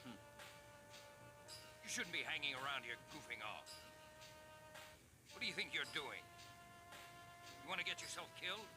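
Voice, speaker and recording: An actor voicing a gruff man in a video game who gives curt, commanding warnings, heard through glitchy audio that makes his pitch jump. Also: expressive, measured pace, long pauses. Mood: stern. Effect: glitchy game audio with jumping pitch. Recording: distant game audio over music.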